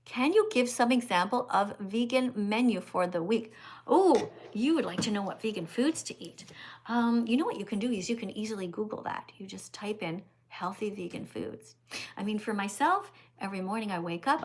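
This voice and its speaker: An older woman hosting a livestream, talking with callers in an insistent, lecturing, teacherly way. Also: a little high. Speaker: livestream host.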